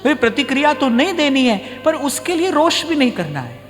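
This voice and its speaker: A man's voice: very high voice, sing-song, moderate pace, a bit bright, long reverb tail, faint music behind. A man giving a devotional discourse as a spiritual teacher, telling stories and acting out short exchanges of dialogue. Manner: storytelling, acts out short dialogues. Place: ashram hall.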